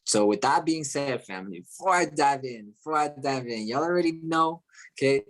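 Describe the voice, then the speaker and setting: A motivational host from Chile speaks to a live online audience on a group call in a medium-pitched, expressive voice at normal speed. He's enthusiastic and repetitive, repeating phrases and tagging lines with frequent "okay?" and "right?"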